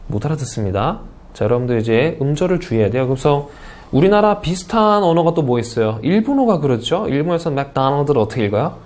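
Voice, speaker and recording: A man's voice: fairly high pitch, sing-song, fast talker, darkish tone. A man from South Korea teaching an English speaking test course in an online lecture, often putting questions to his students and answering them himself.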